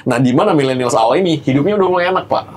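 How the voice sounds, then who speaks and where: Javanese guy talking fast, slangy, animated storytelling, kinda high voice. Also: over a noisy crowd. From Java, Indonesia. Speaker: guest business owner. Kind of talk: casual chat.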